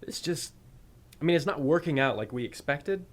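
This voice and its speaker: An actor playing Pestilence, a mild-mannered horseman of the apocalypse, halting and awkwardly polite, in a naturalistic radio comedy. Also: medium pitch, lively intonation, close to an everyday voice. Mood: discouraged.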